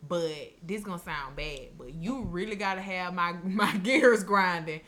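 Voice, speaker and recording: A woman's voice: fairly low pitch, a little slow, a bit bright. A woman co-hosting a podcast, chatting casually, joking and laughing often. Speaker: podcast co-host. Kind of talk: casual chat.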